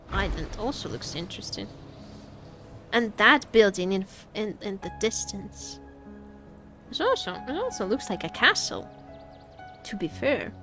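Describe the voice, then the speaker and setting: Her medium-pitched voice is a bit bright as she streams a game and keeps up a loose, playful chat with the people watching. Music runs underneath while she exclaims and cracks jokes.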